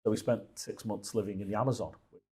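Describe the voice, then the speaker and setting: A fifty-something man from Liverpool is the guest in a laid-back interview, telling meandering stories full of restarts. He speaks rapid-fire in a steady, lowish voice that's a little mellow, with a breathy edge.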